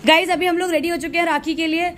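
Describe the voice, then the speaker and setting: Young woman vlogger, high pitch, fast chatty delivery to phone camera, home setting. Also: fairly even intonation, a bit bright, slight background noise. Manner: chatty, talks straight to camera. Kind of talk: casual family vlog.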